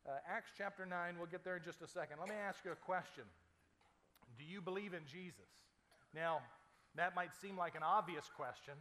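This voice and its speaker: A man's voice: high-pitched, normal speed, bright, forceful tone, long reverb tail, a little hiss or hum. A man preaching an Easter sermon in a church, from Arizona, talking in a conversational, folksy way with light asides. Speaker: pastor.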